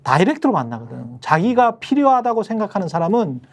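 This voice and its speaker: Male panelist, high and expressive voice, chatty and emphatic anecdotes. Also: fast talker. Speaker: political panelist. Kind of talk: political talk show discussion.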